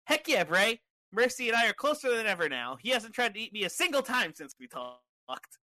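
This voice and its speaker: A man's voice: high voice, sing-song, moderate pace, bright, forceful tone, no room sound, pitched above the performer's own voice, full character voice. A man voicing a chipper, eager male puppet rabbit.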